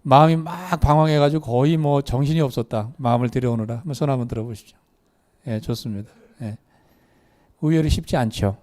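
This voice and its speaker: Mellow-voiced man giving a meditation class. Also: mid-range voice, brisk. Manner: asks the audience questions and leads exercises. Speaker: meditation lecturer. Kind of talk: live lecture to a class. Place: meditation hall.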